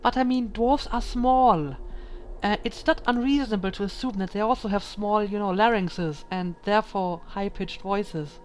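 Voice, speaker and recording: A woman hosting a casual let's play, musing out loud in a thoughtful, hesitant way with lots of ums, recorded at home. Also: mid-range voice, moderate pace, a little hiss or hum. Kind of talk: casual gaming commentary.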